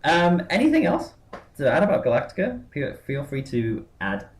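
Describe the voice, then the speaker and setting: A man's voice: on the high side, wildly swooping pitch, moderate pace. A man hosting a podcast, rambling through a casual chat with lots of fillers and tangents. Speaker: podcast host. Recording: roomy echo.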